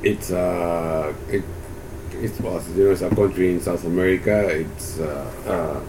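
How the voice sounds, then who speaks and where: Deep-voiced peruvian guy in his 60s, halting, lots of um and restarts, hissy room. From Peru. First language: Spanish. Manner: halting, many restarts and fillers. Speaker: interviewee, university economist. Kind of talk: oral history interview. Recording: steady background hiss.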